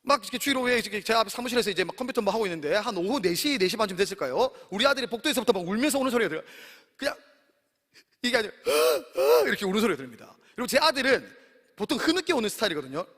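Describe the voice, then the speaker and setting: A man in his thirties preaching a sermon, animated and speaking often to his congregation. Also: high voice, very fast. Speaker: pastor. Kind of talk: sermon at a campus worship service. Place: large worship hall. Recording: long hall reverb.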